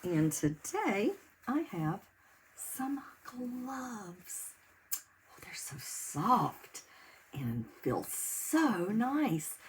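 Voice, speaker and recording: Indoors at home, a woman teacher reads a picture book aloud to young children very slowly in a very animated, sing-song way. Her voice is medium-pitched, and she explains things simply and asks the kids questions, with slight background noise.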